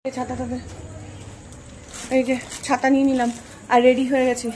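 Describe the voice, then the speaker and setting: Chatty high-voiced woman vlogging. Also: completely flat delivery, normal speed, a little mellow, a little hiss or hum, low-quality recording. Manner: chatty, addresses viewers directly with questions. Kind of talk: casual vlog narration.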